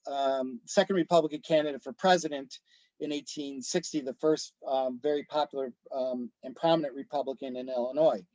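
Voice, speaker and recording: Guy giving a history talk over a dull dry mic, kinda high voice, lots of ums. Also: darkish tone, dry recording. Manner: storytelling with frequent ums and restarts. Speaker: author and presenter. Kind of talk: history lecture.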